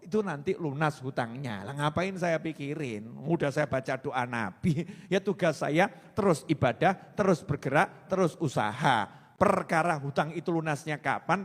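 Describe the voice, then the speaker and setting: Man, preacher, joking sermon, high voice, long hall reverb. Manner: joking, lively, mixes Javanese into Indonesian. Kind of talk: humorous sermon.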